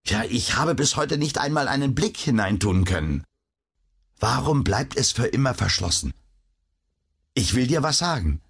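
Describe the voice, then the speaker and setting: A man's voice: medium pitch, very animated, normal speed, vocal fry, a bit bright, slightly rough, pitched above the performer's own voice, exaggerated voice. A man playing a hot-blooded, determined young sailor-to-be. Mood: earnest. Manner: earnest, insistent.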